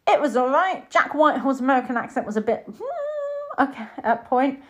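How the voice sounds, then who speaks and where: A British woman in her thirties chatting casually about films, rambling and breaking into high-pitched mimicked reactions. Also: fast talker. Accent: British English. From Britain. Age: 30s. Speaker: film reviewer. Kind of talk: casual chat.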